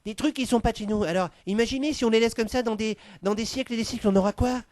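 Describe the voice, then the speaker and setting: Dude acting as a ranting fanatic leader, high loud voice, stammers a lot. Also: male voice, quick pace, no room sound, close to an everyday voice. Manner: ranting, stammering, whipping up a crowd. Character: fanatical male rabble-rousing leader. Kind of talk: comic sketch.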